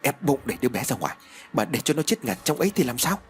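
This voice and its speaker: A man voicing a domineering older woman who talks in a shrill, urgent, bossy way. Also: sing-song, fast, soft background music, natural voice. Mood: frantic.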